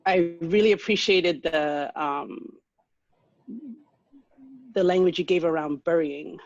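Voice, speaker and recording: A woman from Jamaica moderating a faculty panel and telling a personal story in a conversational, animated way. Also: lowish voice, slow, no echo. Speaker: moderator, business school dean. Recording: slightly dull lo-fi audio.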